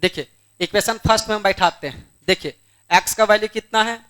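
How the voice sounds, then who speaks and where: A man's voice: high voice, brisk, bright, forceful tone, clean tone. A male math teacher giving a board exam lesson, who keeps asking questions and answering them himself, in a coaxing way. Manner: scolds students in the room.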